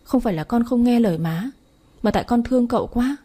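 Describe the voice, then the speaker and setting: A woman's voice: on the high side, fast, mellow, pitched above the performer's own voice, close to an everyday voice. A woman reading the part of a young daughter who pleads and apologizes to her mother. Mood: tearful pleading. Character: tearful young daughter in love. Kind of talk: audiobook story reading.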